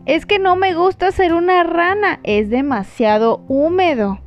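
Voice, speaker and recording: A woman's voice: very high-pitched, a little slow, voice pushed up. A woman doing a whiny little girl frog. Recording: dull lo-fi with guitar music.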